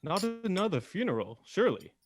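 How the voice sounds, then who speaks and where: A man playing an earnest, easily shocked gentleman doctor in a radio play, proper and a little fussy. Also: high-pitched, big pitch swings, fairly quick, no room sound. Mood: concerned, fussy.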